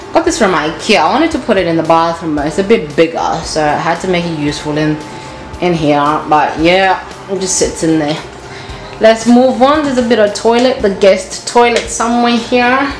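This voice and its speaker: In this casual house tour, a lowish-voiced woman films on her phone, gushing and repeating words for emphasis, with some background noise. The bright, tiled indoor rooms sound echoey, and music runs underneath.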